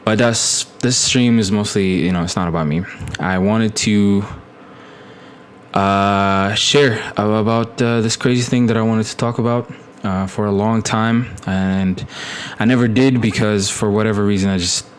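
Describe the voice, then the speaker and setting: Young man from Ethiopia, casual stream chat, lowish voice, faint background hum, drifts off the mic. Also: fairly even intonation, unhurried. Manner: rambling, many fillers and restarts, laughs at own jokes. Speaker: live streamer. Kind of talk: casual live-stream storytelling.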